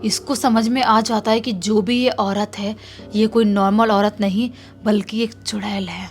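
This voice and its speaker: A woman with a fairly high voice tells a horror story dramatically, sinking into a hush when the tension builds. Faint music sits under her voice. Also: level tone, unhurried. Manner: dramatic, hushed at tense moments.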